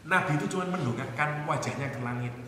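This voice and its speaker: A man's voice: fairly high pitch, fast, bright, forceful tone, a little hiss or hum. A man gives a conversational Islamic sermon. He jokes with the listeners and recites Arabic verses. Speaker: preacher. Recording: echoey hall with faint ambience.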